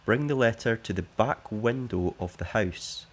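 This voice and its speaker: Shady smuggler boss in a game, read by a man, deep and plain, no put-on pirate voice. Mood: shady offer. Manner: plain, unhurried reading of game text. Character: shady smuggler gang boss giving a secret job.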